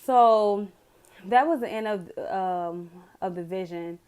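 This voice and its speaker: A woman's voice: mid-range voice, takes it slowly, a little mellow, smooth. A woman casually retelling a dream to camera, rambling with many "like"s and restarts. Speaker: video testimony speaker.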